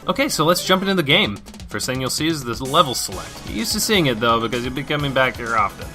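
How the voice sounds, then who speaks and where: A man's voice: mid-range voice, big pitch swings, fast talker, pushed and bright, faint music behind. A man narrating a video game review with joking asides and playful commentary.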